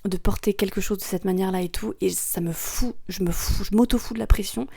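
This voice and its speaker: Mellow young woman chatting confidingly. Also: medium pitch, steady tone, fairly quick, gravelly, breathy edge, dry recording, clean studio sound. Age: 20s. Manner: informal, slangy, confiding. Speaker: vlogger. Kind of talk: casual reflective chat.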